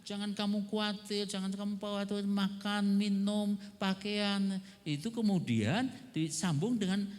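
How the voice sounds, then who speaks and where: High-voiced pastor preaching. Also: male voice, steady tone, unhurried, big-room sound. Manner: conversational preaching with rhetorical questions and chuckles. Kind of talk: sermon. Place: church seminar hall.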